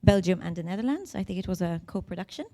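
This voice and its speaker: Relaxed woman hosting a festival talk. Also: fairly low pitch, quick pace. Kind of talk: live-streamed interview. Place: cinema bar.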